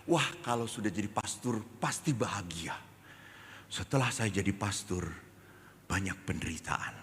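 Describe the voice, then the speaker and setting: Priest guy giving a lively sermon, bright sharp tone, echoing long in a big hall. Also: lowish voice, normal speed, a little hiss or hum. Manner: animated storytelling, acting out dialogue.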